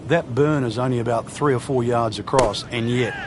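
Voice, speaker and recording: A man working as a golf commentator, giving explanatory, measured analysis of the course and the shots. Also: mid-range voice. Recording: outdoor crowd and ambient noise behind. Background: crowd and outdoor ambience.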